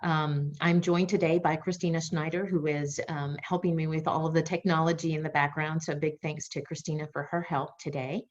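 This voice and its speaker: Woman, webinar host, friendly and conversational, low voice, muffled computer-mic audio. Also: level tone, normal speed, hardly any pauses. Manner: friendly, conversational and a little rambling. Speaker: nonprofit executive director hosting a webinar. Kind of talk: webinar presentation.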